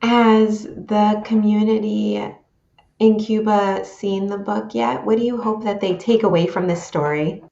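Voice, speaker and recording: A woman podcast host asking interview questions in a gentle, deliberate way. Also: medium pitch, fairly even intonation, vocal fry, roomy sound, highs cut off.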